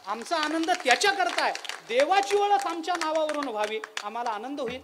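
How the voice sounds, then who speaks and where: A man's voice: very high voice, expressive, a little fast, noisy background, pitched above the performer's own voice. A male preacher voicing a proud thundercloud that explains its joy in exultant tones.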